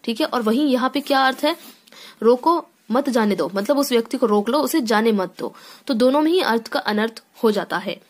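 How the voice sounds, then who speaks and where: Hindi teacher explaining step by step. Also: female voice, a little high, fairly quick. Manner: explains step by step with frequent "theek hai" check-ins and restarts; reads sentences aloud then explains them. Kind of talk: classroom lesson explanation.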